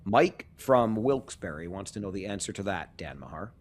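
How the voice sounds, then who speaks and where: Genial sports podcast host. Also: male voice, fairly low pitch, animated, normal speed. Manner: genial, conversational, chuckles often. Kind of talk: casual sports podcast chat.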